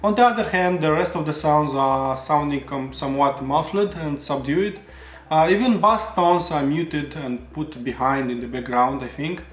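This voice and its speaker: A man's voice: on the high side, moderate pace, fairly bright tone. A man narrating a product review of audio gear, explaining features earnestly and giving his own opinions. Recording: roomy echo.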